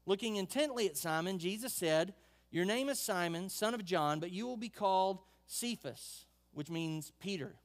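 A man's voice: sits high, expressive, moderate pace. A male pastor preaching a sermon in a conversational way, reading scripture and adding asides.

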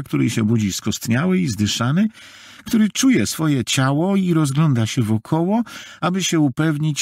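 A man narrating a horror audiobook in a dramatic, studio-recorded reading that sinks soft and low at tense moments. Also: slightly rough, no echo. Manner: dramatic, swings between soft low lows and raised tension.

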